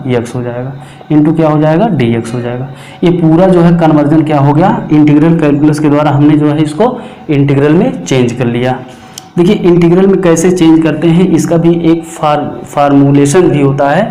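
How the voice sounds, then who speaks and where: A man's voice: a little high, dark tone. Man lecturing in an echoey room. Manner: rhetorical questions answered himself, dictating formulas slowly. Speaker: mathematics teacher. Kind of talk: classroom lecture explaining problems.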